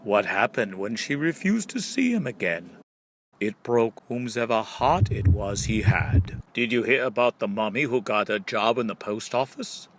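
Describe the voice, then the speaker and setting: With slight background noise behind him, a male audiobook reader with a lowish voice and lively intonation delivers riddles from a scripted book. Each question gets set up before he draws out the punchline in a question-and-answer rhythm.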